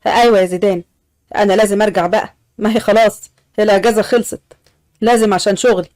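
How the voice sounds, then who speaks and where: A woman voicing a quietly heartbroken young man, speaking in a subdued, polite way in an audio story. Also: medium pitch, fairly even intonation, fast, natural voice. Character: young man, sad, quietly lovesick brother.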